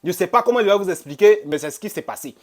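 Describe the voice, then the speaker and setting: A man tells a personal story in a lively, conversational way. He repeats phrases, acts out what others said, and speaks in a fairly high voice. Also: very fast. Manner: animated, repeats phrases, quotes others in dialogue. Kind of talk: casual first-person storytelling.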